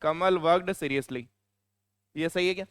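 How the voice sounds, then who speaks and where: A male teacher with a Hindi accent lectures his class and drifts into chatty anecdotes, now and then scolding the students. His voice sits fairly high and sounds smooth and crisp. The recording is dry and close, with little room sound. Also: moderate pace, dry recording.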